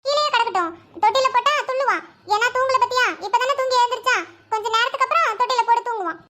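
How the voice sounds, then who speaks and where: A woman voicing a fussing elderly grandmother in an animated cartoon, pleading and chiding in a homely way. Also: extremely high pitch, rapid-fire, very noisy. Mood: reassuring. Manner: pleading, chiding, rural Tamil grandmotherly speech.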